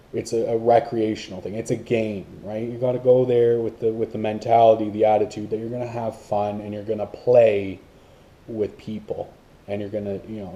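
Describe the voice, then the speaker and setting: A man's voice: lowish voice, mellow, lo-fi sound. A man vlogging about paintball to camera, in a rambling casual talk with many fillers and restarts.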